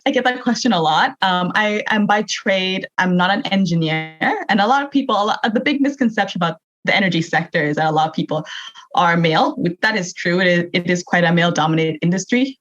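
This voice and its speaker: A woman's voice: medium pitch, lively intonation, brisk, fairly bright tone. A young adult woman from Thailand, answering conversationally as a podcast guest. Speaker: podcast guest, youth energy advocate. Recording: dull lo-fi remote recording.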